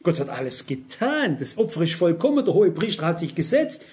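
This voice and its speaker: A man's voice: a little high, big pitch swings, fairly quick, darkish tone. A man preaching a sermon, speaking straight to his listeners and citing Bible verses by chapter and number, rising emphatically on his exhortations.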